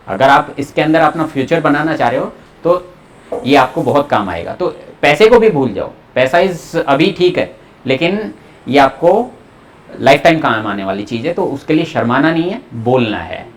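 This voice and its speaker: A man's voice: on the high side, lively intonation, slight background noise. A man teaching German pronunciation to a class in a Hindi-English mix, repeating each word for students to echo. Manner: repeats words slowly for students to echo, coaxing.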